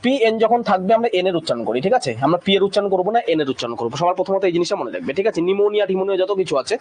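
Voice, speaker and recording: A high-voiced man runs a classroom English lesson. He breaks long words into slow syllables, keeps checking in with the class, and a faint hiss of noise sits under his voice. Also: sing-song, darkish tone. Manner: drills pronunciation slowly syllable by syllable, often asks "ঠিক আছে?". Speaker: English teacher.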